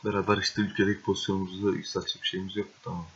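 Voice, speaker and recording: A young man giving casual gameplay commentary, swearing and exasperated, with excitable outbursts. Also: deep voice, very fast, breathy edge. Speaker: gaming video host. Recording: dull lo-fi recording.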